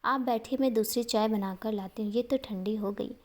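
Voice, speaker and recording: A shy, tender young woman speaks softly to a child, voiced by a woman telling a story. Her tone stays mild and even, like a figure in a spoken storybook. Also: fairly high pitch, normal speed, natural voice.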